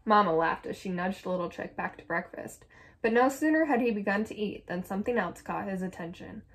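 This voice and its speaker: A young adult woman reading a children's picture book aloud with clear, soft storytelling narration. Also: mid-range voice, lively intonation, fairly quick. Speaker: storybook reader.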